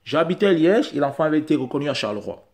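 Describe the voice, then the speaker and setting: This male vlogger from Central Africa, whose first language is not French, addresses the camera quickly in a sing-song voice on the high side. His delivery is insistent and repetitive, climbing toward emphatic peaks.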